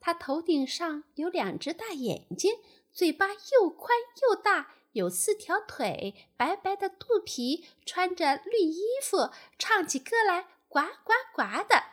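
A woman voicing a group of tiny, eager tadpole children searching for their mother, calling out high and loud. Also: very animated, slow, exaggerated voice. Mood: earnest asking.

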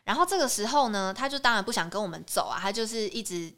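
Fast-talking young woman telling travel stories. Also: mid-range voice. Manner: animated, acts out quoted dialogue. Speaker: guest. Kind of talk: casual podcast storytelling.

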